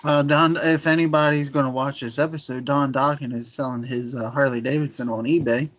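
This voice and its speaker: Casual podcast dude in his 30s, mid-pitch voice, rambles and loses his thread. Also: steady tone, fairly quick, a bit bright. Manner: rambling, chatty, trails off mid-sentence. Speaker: podcast co-host. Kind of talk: casual chat.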